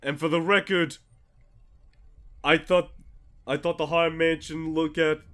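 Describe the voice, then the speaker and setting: A man's voice: on the high side, little pitch movement, unhurried, a bit bright. A man chatting casually as he comments on a co-op game. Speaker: gaming video commentator.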